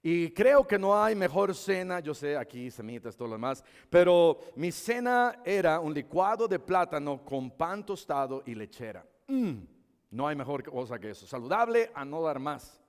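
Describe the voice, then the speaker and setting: A man's voice: on the high side, big pitch swings, moderate pace, clean tone. A middle-aged man with a Mexican accent, a pastor telling a story in a sermon and building to impassioned crescendos. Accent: Mexican Spanish. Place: church hall. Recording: long church reverb.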